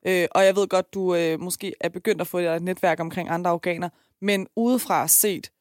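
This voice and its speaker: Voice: mid-range voice, fairly even intonation, no room sound, studio quality. A podcast host chatting casually and enthusiastically with a guest. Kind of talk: casual conversation.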